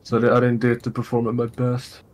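A man sounds worn out as he talks through a match in casual chat. He trips over himself and restarts his sentences. Swear words come thick and fast. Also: mid-range voice, completely flat delivery, a little mellow. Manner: swears freely, stumbles and restarts often. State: tired. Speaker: tournament player.

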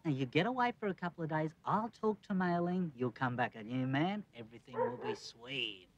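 A man's voice: fairly high pitch, big pitch swings, fairly quick, dull audio. A man playing a slick shady car salesman. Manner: smooth, wheedling sales patter. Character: fast-talking shady used car salesman.

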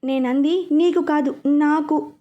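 Woman reader playing a pouty stubborn young girl engaged to be married, storybook romance, high mellow voice. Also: steady tone, takes it slowly, dull audio. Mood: sulky. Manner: pouting, stubborn. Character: young woman, sulky hurt bride-to-be.

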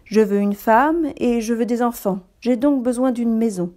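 A restless boy grown into a weary old man, in a storybook read aloud, as a woman puts him on. His voice drops low and subdued, mellow and quiet. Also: normal speed, close to an everyday voice.

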